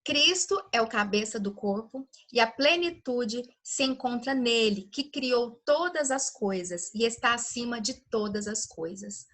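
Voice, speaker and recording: A woman's voice: on the high side, measured pace, few pauses, a bit bright. A woman teaching a women's Bible study in a livestream, chatty and full of rhetorical questions. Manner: conversational, asks rhetorical questions, frequent "né?".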